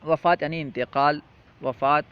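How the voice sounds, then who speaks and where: A male teacher giving a language lesson, reciting lists slowly and explaining patiently, often checking in with the students. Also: fairly high pitch, fairly even intonation, clean tone, lo-fi sound. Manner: patient, repetitive, checks in with "theek hai?".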